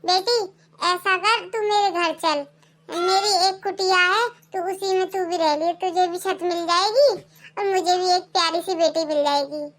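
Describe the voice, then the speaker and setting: A woman's voice: extremely high pitch, fairly even intonation, a little slow, a bit bright. A woman voicing a kind, lonely, poor old village mother in a cartoon, fussing tenderly and repeating herself. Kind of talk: cartoon voice acting.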